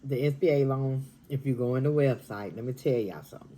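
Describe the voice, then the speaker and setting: Woman, soft half-whispered chat, mellow voice, casual eating vlog, home dining room. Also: rumbling low, brisk, a little hiss or hum, poor audio. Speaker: mukbang vlogger.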